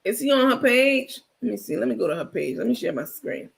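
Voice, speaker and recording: A man hosting a live stream, casually gossiping and reacting to his viewers' chat in an animated, blunt, talkative way. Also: very high voice, fairly quick, gravelly, a little hiss or hum. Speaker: livestream host.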